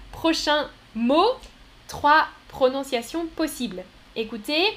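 Female pronunciation teacher on a live stream; unhurried, careful, repeats words clearly. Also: high-pitched, a bit bright. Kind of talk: live-streamed language lesson.

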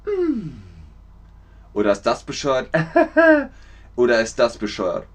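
A man's voice: medium pitch, a little fast. A man teaching slang in a playful language lesson, repeating words with exaggerated, theatrical demonstrations.

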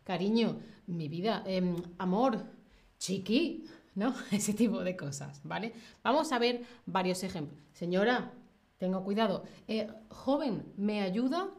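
A female Spanish teacher with a mid-range, somewhat dark voice speaks a little slowly as she gives a live grammar lesson. She constantly checks in with rhetorical "¿sí?" and "¿vale?", and acts out example phrases in a raised voice.

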